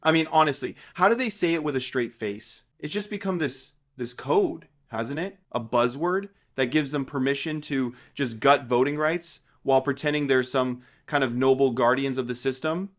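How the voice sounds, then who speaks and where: Mid-pitched man, sardonic political commentary. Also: normal speed, hardly any pauses.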